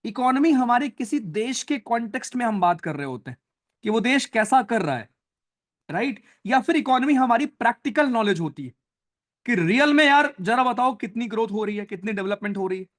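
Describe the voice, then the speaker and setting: A man's voice: extremely high pitch, animated, fairly quick, a bit bright. A young man teaching a live online class, chatty and teasing, mixing English terms into his talk. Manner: chatty, teasing, addresses students as brothers and friends; mixes Hindi with English terms. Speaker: online exam-prep teacher.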